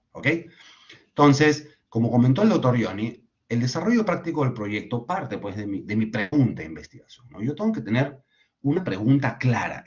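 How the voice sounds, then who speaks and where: A man teaching an online class, explaining step by step and often checking in with tag questions. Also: fairly low pitch. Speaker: lecturer. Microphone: video call. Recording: dull lo-fi video call audio.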